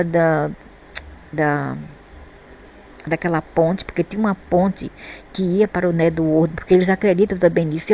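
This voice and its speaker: Low-voiced Brazilian woman telling a story. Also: darkish tone, muffled recording, a little hiss or hum. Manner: rambling, repeats words while searching for them. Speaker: spiritual vlogger. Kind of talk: personal storytelling about the afterlife.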